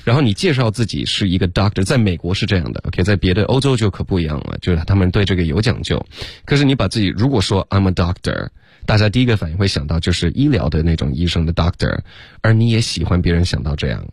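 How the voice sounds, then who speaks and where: Deep-voiced man teaching English on radio. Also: very animated, a little mellow, breathy edge, dry recording, studio quality. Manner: explains pronunciation slowly, mixing English phrases into Chinese. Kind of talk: radio English lesson explaining sitcom dialogue.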